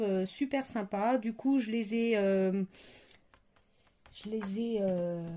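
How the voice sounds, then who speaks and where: A woman talks through craft supplies in a relaxed show-and-tell. Her voice has a gravelly, mellow texture. She hesitates often and fills her pauses while hunting for words. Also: medium pitch. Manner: hesitant, many fillers and searching for words. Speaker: crafting vlogger. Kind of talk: casual product show-and-tell.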